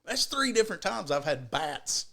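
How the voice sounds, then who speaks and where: A man co-hosting a podcast, telling a rambling, profane story in an animated way with many restarts. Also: a little high, normal speed, creaky. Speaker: podcast co-host. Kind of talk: casual storytelling.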